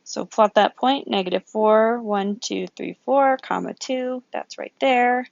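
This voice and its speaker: A woman's voice: fairly high pitch, a little slow, creaky, no echo, highs cut off. Woman teacher counting out grid points. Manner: self-correcting, playful sound effects, counting grid squares aloud. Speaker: math teacher. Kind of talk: recorded geometry lesson, working problems aloud.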